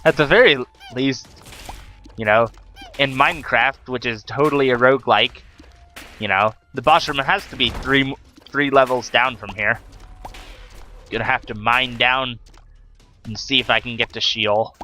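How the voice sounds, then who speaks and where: Wry, bright-voiced young man playing a game. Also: medium pitch, moderate pace, pauses often, a little hiss or hum. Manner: wry, chatty, scolding the enemies on screen. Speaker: let's play host. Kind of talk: casual gameplay commentary.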